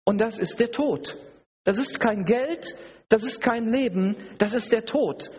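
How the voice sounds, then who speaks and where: Man preaching, high voice, husky, slow and emphatic, long hall echo, dull sound. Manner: emphatic, repetitive preaching with rhetorical questions. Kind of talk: sermon. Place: church service hall. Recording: dull recording in a reverberant hall.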